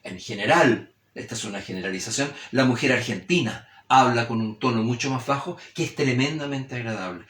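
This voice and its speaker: A man with a Chilean accent giving a reflective humanities lecture, expressive, shifting his tone and pace to demonstrate what he means. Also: medium pitch. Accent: Chilean Spanish. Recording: roomy echoey recording.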